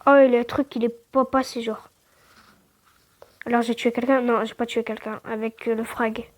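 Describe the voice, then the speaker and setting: Excitable stammering woman gamer. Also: on the high side, moderate pace. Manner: stammers, restarts words; excitable outbursts, slangy. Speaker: gaming channel host. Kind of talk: casual gameplay commentary.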